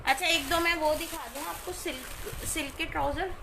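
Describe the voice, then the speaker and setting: A woman, chatting informally as she sells clothes on a live stream and often checking in with her listeners, over clear background noise. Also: sits high, moderate pace, bright, forceful tone. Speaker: live online clothing seller. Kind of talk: casual live shopping sales chat.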